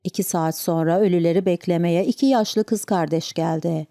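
A woman narrating an audiobook in a calm, even storytelling manner. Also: fairly low pitch, normal speed, no room sound, studio quality. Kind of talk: scripted narration.

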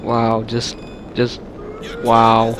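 A man's voice: medium pitch, completely flat delivery, drawn-out words, noisy background. A young man giving casual, rambling commentary while playing a video game, often stopping mid-sentence to react. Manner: rambling, self-interrupting, easily exasperated. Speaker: gamer.

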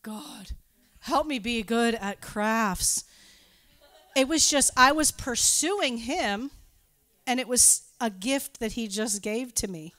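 A woman's voice: a little high, slow, pushed and bright, no echo. A woman giving an informal sermon with personal anecdotes, talking in a conversational, self-deprecating and giggly way. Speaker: preacher speaking at a church gathering.

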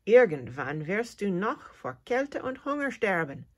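A woman's voice: fairly low pitch, very animated, slow, breathy edge, full character voice. A woman voicing a caring mother mouse who grumbles and scolds but is kind at heart, in a storybook reading. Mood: grumpy. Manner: grumbling, then warm.

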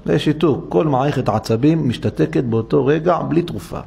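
A man's voice: a little high, creaky, dark tone, a little hiss or hum. A man preaching as a rabbi in a synagogue, telling a story and acting out each character's voice with animation. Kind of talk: sermon storytelling.

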